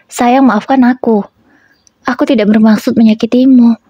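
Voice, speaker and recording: A woman's voice: on the high side, steady tone, normal speed, dark tone, slightly rough, no echo, muffled recording. A woman voicing a pleading, defensive unfaithful husband in a spoken story. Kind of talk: storytelling, acted dialogue.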